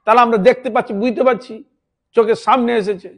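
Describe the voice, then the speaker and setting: Male monk preacher with a very high voice, delivering a devotional sermon and checking in with listeners through rhetorical questions. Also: fairly even intonation, fast talker, slightly rough. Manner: drops into a lower, softer voice at the ends of points; chants words over and over as a demonstration.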